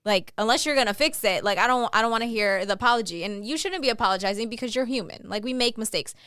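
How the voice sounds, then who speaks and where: A woman's voice: fairly high pitch, fast, a bit bright, clean tone, no echo, studio quality. A woman co-hosting a casual podcast chat, giving advice in a playfully boastful coaching tone and checking in with "right?". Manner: talks in bursts with many "right?" and "um". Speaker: podcast co-host.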